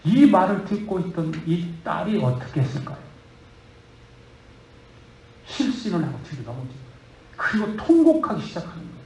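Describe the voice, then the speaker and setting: Preaching in a roomy church hall, a male pastor tells a story and then urges his listeners with mounting fervor until his exhortation turns urgent. His voice is high-pitched and darkish in tone, swinging widely in pitch, and he talks fast.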